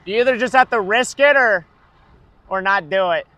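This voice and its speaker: American storm chaser guy livestreaming from the car, kinda high voice, chatting casually. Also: normal speed, sharp tone, a little hiss or hum. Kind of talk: casual livestream chat while storm chasing. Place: inside a vehicle.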